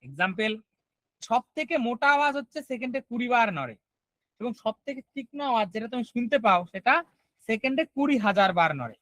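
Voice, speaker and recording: A man's voice: extremely high pitch, sing-song, quick pace, fairly bright tone, no echo, poor audio. A man teaching an online class, explaining step by step and often checking whether students follow.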